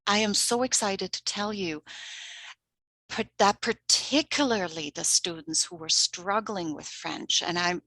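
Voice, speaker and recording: Her medium-pitched voice sounds pushed and bright, with no echo but a rough recording. The middle-aged Swiss German native, a language coordinator, leads a language-teaching workshop in an earnest, talkative manner and laughs a lot.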